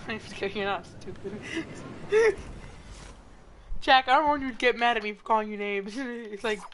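A young woman playing a shooter game and chatting casually, playful and teasing, with bursts of excited yelling. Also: mid-range voice, fast talker, a little hiss or hum. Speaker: gamer streamer. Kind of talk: casual gameplay chat.

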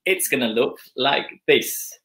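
Recorded in low quality, a forties-aged man speaks at medium pitch, slowly and animatedly, his voice pushed and bright with some vocal fry. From his home kitchen he runs a relaxed live cooking demonstration, talking as he goes and musing aloud with lots of fillers. The mic is a video call camera that roams the kitchen.

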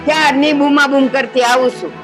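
A woman's voice: sits high, steady tone, brisk, fairly bright tone, soft background music. An older woman, acting as a scheming, scolding mother-in-law in a village family drama. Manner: scolding, domineering.

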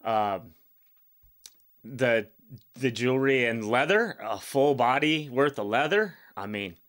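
A man's voice: medium pitch, slow, fairly bright tone. Blunt rambling man in his fifties. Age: 50s. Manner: blunt, rambling, with many fillers. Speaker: reaction video host. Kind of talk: casual reaction commentary.

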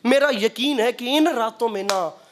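A man's voice: very high-pitched, a little slow, roomy sound, slight background noise. A man giving an impassioned devotional sermon, leading chants and teasing his listeners. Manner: impassioned, leads chants, teases the crowd. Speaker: zakir, religious orator.

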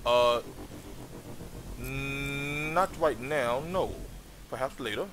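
A man's voice: mid-range voice, very slow, fairly bright tone. A man giving gameplay commentary in character, musing and chatting to his in-game companions. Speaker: let's play gamer. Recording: noisy background.

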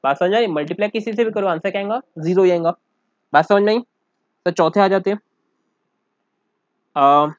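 A man's voice: high voice, no echo. A man teaching a casual accounting lesson, working the sums out aloud and keeping on asking his students if they follow. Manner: keeps calling the listener sir and asking check questions; works sums aloud in mixed Hindi and English. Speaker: commerce teacher. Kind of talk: casual classroom lecture. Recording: dull, dry, muffled recording.

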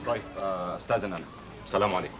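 A man playing a modest young Egyptian sheikh in a TV drama, his voice very low and deep, his speech fast and polite. He sounds soft-spoken and humble, a neighborhood religious teacher. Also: close to an everyday voice. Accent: Egyptian Arabic. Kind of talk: TV drama acting.

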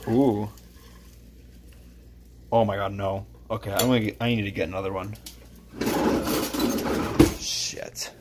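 A man's voice: fairly low pitch, steady tone, slow pace, pauses often, slight background noise. A young man rambling crudely in a casual home vlog while he cooks in his kitchen, swearing often and mumbling offhand. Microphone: phone camera held and moved around.

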